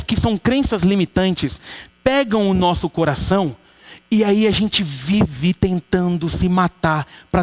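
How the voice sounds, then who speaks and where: A man in his thirties from Brazil, a pastor delivering a lively sermon to his church and acting out quoted voices. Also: high-pitched. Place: church sanctuary.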